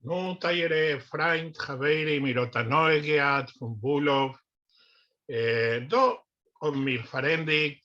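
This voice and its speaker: Slow-speaking Yiddish-accented male host. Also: mid-range voice, sharp tone. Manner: slow, halting, with fillers. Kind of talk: closing remarks of a talk show. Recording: dull lo-fi recording.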